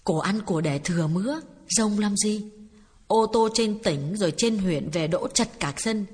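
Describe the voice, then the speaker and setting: A woman's voice: medium pitch, normal speed, a little mellow, breathy edge, lightly acted. A woman reading as a grieving old mother. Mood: sorrowful. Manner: tearful, earnest storytelling. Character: grieving older mother recounting family tragedy. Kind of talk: audiobook dialogue reading. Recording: reverberant with background music.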